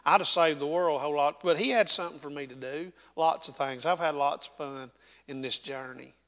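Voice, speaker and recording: Folksy Appalachian preacher man, bright voice. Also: fairly high pitch, long reverb tail. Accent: Southern Appalachian. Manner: folksy, dynamic, drawn-out emphasis. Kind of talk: folksy sermon. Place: church sanctuary.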